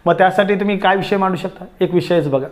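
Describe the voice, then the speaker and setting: A man's voice: sits high, fast talker. A man teaching students how to write essays, talking to them directly and asking them rhetorical questions. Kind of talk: essay-writing lesson.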